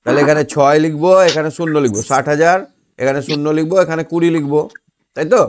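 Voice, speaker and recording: A man's voice: a little high, fairly even intonation, fast talker. A man teaching an online math lesson, patiently asking questions and answering them himself. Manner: patient, asks and answers his own questions. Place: online class on a video call.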